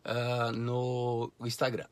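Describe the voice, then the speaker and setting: A man's voice: medium pitch, completely flat delivery, drawn-out words, no echo. A man in his forties, from Brazil, chatting and explaining as he films a demonstration from inside a parked car. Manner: chatty, explanatory, frequent tag questions. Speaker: vlogger. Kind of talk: casual car vlog demonstration. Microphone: camera on the dashboard.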